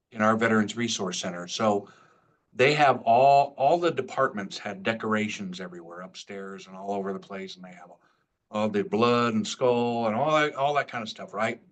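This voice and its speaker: A man speaking on a video call panel in an earnest, conversational way. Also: fairly low pitch. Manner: earnest, conversational, uses "you know" and "right". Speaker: veteran services coordinator. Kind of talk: casual panel talk.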